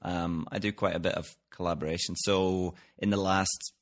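A man hosting a casual podcast chat, relaxed and quick to laugh. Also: low voice. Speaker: podcast host. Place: home in Belgium.

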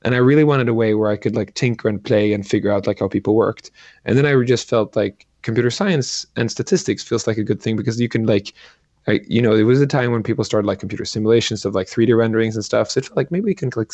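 Speaking fast in a lowish, slightly mellow voice, a man from Sweden answers interview questions as a guest, thoughtful yet hesitant and heavy on fillers. He is an entrepreneur and angel investor, and the recording is dry.

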